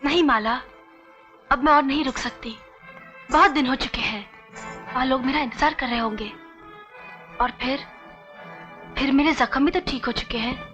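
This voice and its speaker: A quiet guarded heroine, high voice, muffled old movie sound. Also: female voice, normal speed, pauses often. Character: young woman, restless runaway heroine. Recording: dull old film soundtrack with loud music.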